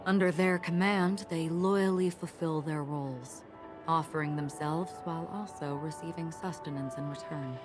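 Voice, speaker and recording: A woman voicing a calm, cryptic swordswoman. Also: low-pitched, moderate pace, natural voice. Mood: calm, detached. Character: calm, cryptic young swordswoman, detached and forgetful. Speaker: game character voice. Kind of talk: game cutscene dialogue. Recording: game audio under a score. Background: game music.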